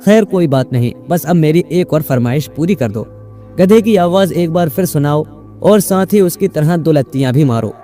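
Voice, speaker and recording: Male narrator doing a playful storybook witch, teasing, mellow low voice. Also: animated, faint music behind, close to an everyday voice.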